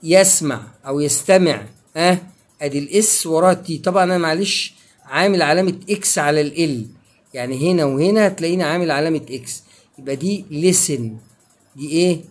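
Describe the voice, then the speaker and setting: A fairly high-voiced man with an Egyptian Arabic accent gives an online English pronunciation lesson. He talks straight to his students, drills them with quick prompting questions and answers them with praise. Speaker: English teacher.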